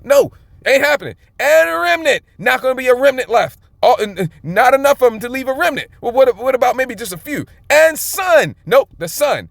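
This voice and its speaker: A male preacher delivers a sermon, reading scripture and breaking in with emphatic, colloquial asides and soft chuckles. His voice sits high and swoops widely in pitch, and the recording is dry and close with no room sound. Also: dry recording.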